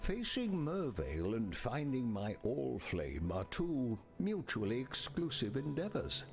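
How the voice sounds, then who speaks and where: An actor voicing a pompous, theatrical, melancholy ghost of a marooned sea captain in a video game, with florid delivery and breathy endings. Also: male voice, mid-range voice. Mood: grandiose, wry. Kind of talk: scripted video game character dialogue.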